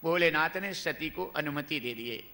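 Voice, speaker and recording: A male preacher telling a devotional story in an animated discourse. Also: on the high side, unhurried.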